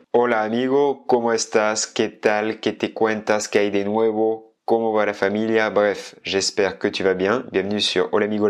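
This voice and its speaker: Male language-teacher host, lowish voice, informal and direct to camera, mixes in Spanish phrases. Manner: chatty, addresses the viewer directly and informally; drops into Spanish phrases between French explanations. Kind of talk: casual video lesson to camera.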